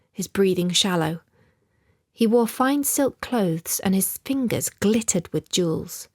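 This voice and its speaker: A woman reading a novel aloud as an audiobook narrator in a measured, even storytelling manner. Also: medium pitch. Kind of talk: scripted narration.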